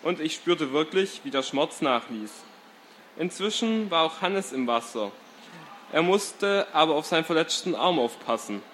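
A man narrates a first-person tale aloud in a calm, steady reading voice. His pitch sits a little high, and a faint hiss runs underneath the recording. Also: unhurried. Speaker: storyteller.

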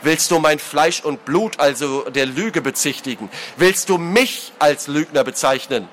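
A man's voice: a little high, expressive, measured pace, slight background noise. A man voicing a raging bitter old lord, barking. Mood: contemptuous. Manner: growling, barking, shouting in rage. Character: bitter, furious middle-aged male lord, crippled veteran.

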